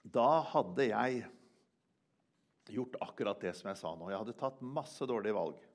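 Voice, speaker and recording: An older man preaching a sermon in a church, earnest, swinging from loud emphasis to hushed quiet. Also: fairly low pitch, animated. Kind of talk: sermon with personal testimony.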